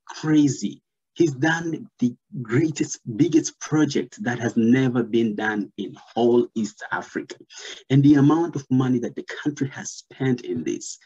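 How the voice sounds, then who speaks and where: A man's voice: medium pitch, darkish tone, husky. A man in his thirties with a Tanzanian accent, giving earnest casual commentary over a video call, with many fillers and restarts. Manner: earnest, many fillers, gestures while talking. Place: plain room, indoors. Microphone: laptop webcam video call. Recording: muffled lo-fi webcam audio.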